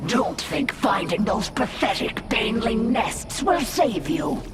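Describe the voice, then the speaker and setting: A woman's voice: on the high side, sing-song, slow pace. An actress voicing a haughty, vengeful alien brood mother in a video game, grandiose and threatening. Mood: taunting. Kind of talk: video game character acting. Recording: loud game music behind.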